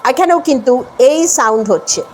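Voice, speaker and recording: A woman with a Bengali accent who teaches English pronunciation and repeats each word, then models the correct form slowly. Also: high-pitched, lively intonation, darkish tone, a little hiss or hum. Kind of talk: spoken English lesson.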